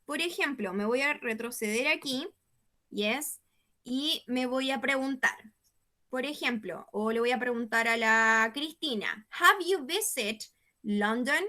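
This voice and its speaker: A woman's voice: on the high side, measured pace, pushed and bright. A woman teaching an English class. She explains patiently and repeats herself, checking in with a questioning "yes?" after nearly every phrase.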